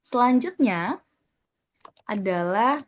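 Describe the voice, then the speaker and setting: A woman trainer teaches over a video call, her voice sitting a little high. She chats easily and thanks participants by name as she goes. The call audio is somewhat dull and muffled. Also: lively intonation, takes it slowly. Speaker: webinar trainer. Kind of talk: online webinar teaching.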